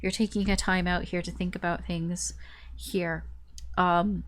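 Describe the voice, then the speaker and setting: A woman's voice: on the low side, little pitch movement, measured pace. A woman giving a casual, rambling tarot reading, her voice stuffed up and nasal as if pinching her nose. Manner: rambling, repetitive, circling back over phrases. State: congested with a blocked nose. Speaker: tarot reader.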